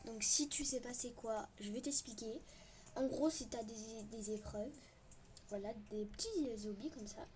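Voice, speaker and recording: A woman's voice: on the high side, unhurried, a little mellow, slight background noise. Chatty young French-speaking gamer woman. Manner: chatty, rambling, self-mocking. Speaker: gaming youtuber. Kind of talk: casual gameplay commentary.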